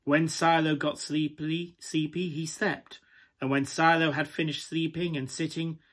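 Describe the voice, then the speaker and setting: Camp british panto dame done by a guy telling kids a story, bit high, husky and breathy, really coaxing. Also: level tone, unhurried, fairly bright tone. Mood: tender, storytelling. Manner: camp, coaxing, asking the listeners questions. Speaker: storyteller, host of a children's story time. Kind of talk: animated children's storytelling. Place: small room at home, indoors.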